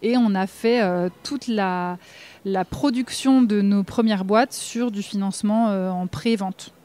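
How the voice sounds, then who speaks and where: A woman interviewed about publishing her games, relaxed, with fillers and acted-out quotes. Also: medium pitch, unhurried. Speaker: game designer guest. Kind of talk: casual interview talk.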